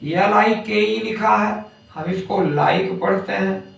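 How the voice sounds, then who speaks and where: Man, phonics teacher, spells words letter by letter, gravelly, far from the mic. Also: sits high, takes it slowly, a bit bright. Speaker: English teacher. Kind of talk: phonics lesson. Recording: echoey room, distant mic.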